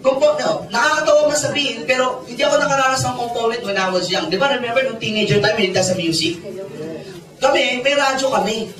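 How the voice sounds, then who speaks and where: Speaking very fast with an extremely high pitch, this network marketing mentor in his forties, Filipino-accented, entertains a big seminar crowd with lively Taglish stories and jokes. The recording has a distant mic, heavy hall echo, and a noisy audience.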